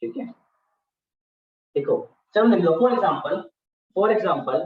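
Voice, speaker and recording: A man's voice: high voice, lively intonation, takes it slowly, a little hiss or hum. A man teaching a class, repeating key terms and often checking that students follow. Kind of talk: classroom lecture. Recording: distant, echoey, dull-sounding classroom recording.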